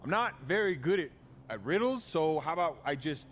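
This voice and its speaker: A man narrating and acting out his own game role-play in an animated, rambling way, often laughing. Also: fairly high pitch, brisk, slight background noise.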